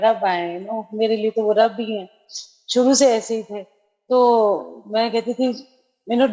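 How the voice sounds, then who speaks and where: Chatty woman, fairly high voice. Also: darkish tone. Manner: chatty, mixes in English phrases. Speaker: devotee sharing a testimony. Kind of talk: personal storytelling.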